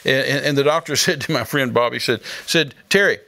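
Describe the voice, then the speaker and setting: A man's voice: medium pitch, moderate pace, gravelly, pushed and bright. A male guest minister earnestly telling a dramatic testimony in conversation.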